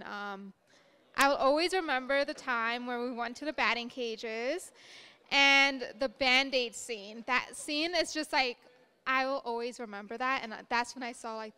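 Bright, gushing young woman's toast. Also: fairly high pitch, smooth. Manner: gushing, emotional, casual. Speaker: friend giving a wedding toast. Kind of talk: wedding reception toast.

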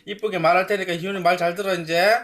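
A man's voice: sits high, steady tone, fast talker, fairly bright tone. Stern young father scolding firmly. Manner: stern, firm questioning. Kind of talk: casual home video.

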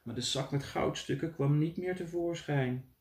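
A man, a teacher, reading a fairy tale aloud to children in a lively, playful way. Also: on the high side, moderate pace. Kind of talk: storybook read-aloud for children. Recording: echoey room.

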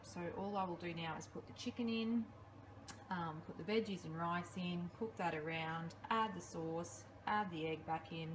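A woman's voice: lowish voice, noisy background. Chatty Australian woman in kitchen. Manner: chatty, upbeat, frequent ums. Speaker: vlogger. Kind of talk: casual meal-prep vlog narration. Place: home kitchen indoors. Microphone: phone camera held close.

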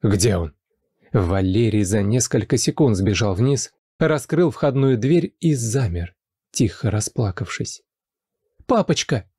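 A man narrating a scripted life story in a calm, even way, with a mellow, dry voice. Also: lowish voice, unhurried, breathy edge, no room sound.

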